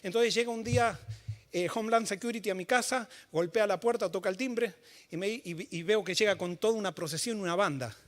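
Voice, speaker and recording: Man, pastor, very high voice, church sermon, explains scripture with stories, builds to emphatic delivery. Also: brisk.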